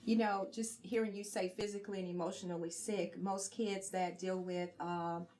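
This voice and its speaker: A woman's voice: medium pitch, little pitch movement, normal speed, a little mellow. A woman co-hosting a talk show, asking questions and affirming the guest in an encouraging way. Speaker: co-host interviewer.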